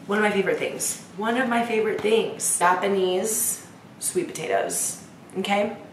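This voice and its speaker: A woman's voice: mid-range voice, lively intonation, normal speed. Chatty young woman vlogging in an echoey kitchen. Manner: chatty, upbeat, says y'all. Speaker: lifestyle vlogger. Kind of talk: casual vlog chat. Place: home kitchen indoors. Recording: echoey room, mic at a distance, noisy.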